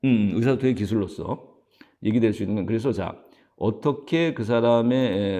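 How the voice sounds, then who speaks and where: Gravelly low-voiced male lecturer. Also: mellow. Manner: explains slowly, with many fillers and acted examples. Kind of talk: university lecture.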